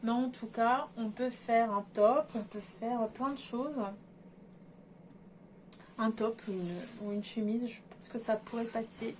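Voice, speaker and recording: A woman's voice: a little high, unhurried, darkish tone, a little hiss or hum. A woman casually talking through fabrics in a sewing vlog, hesitating and thinking aloud with many fillers while addressing her viewers. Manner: chatty, addresses viewers directly. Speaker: sewing vlogger.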